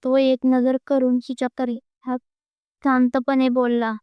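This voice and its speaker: A woman's voice: high voice, completely flat delivery, a little slow, clear, resonant tone, no echo, highs cut off. A woman narrating a scripted romantic story, reading steadily.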